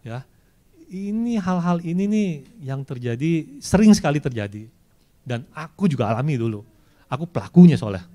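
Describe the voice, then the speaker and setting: A man's voice: on the high side, lively intonation, moderate pace, warm tone. A male preacher giving a sermon at a streamed church service, slipping into everyday slang and acting out people's prayers and excuses in shifting voices.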